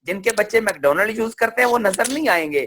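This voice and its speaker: A man's voice: sits high, expressive, quick pace, a bit bright, a little hiss or hum. A man from Pakistan giving a motivational seminar talk, asking questions and answering them himself. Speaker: seminar speaker.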